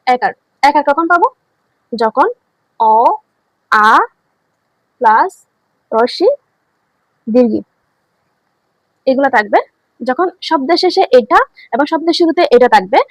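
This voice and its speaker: Brief: female teacher, high voice, dry close sound, quizzes the class and answers herself. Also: no room sound, poor audio. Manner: asks students questions then answers them herself; repeats key words for emphasis. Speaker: grammar teacher. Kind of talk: online classroom lesson.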